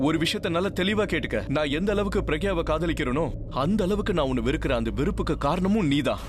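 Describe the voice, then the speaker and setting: A man voicing a fiercely devoted husband in a dubbed TV serial, speaking with intense emphasis, scornful toward his rival. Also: fairly high pitch. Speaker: husband declaring love for his wife. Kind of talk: Tamil-dubbed TV serial acting. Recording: TV drama dub with faint music behind.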